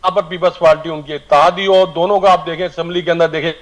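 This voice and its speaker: Remote guest over a distant phone line: man, high voice, blunt debater. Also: steady tone, fast talker. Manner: blunt, speaks up forcefully. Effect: heard over a phone or video-call line, distant and breaking up. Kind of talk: televised political debate.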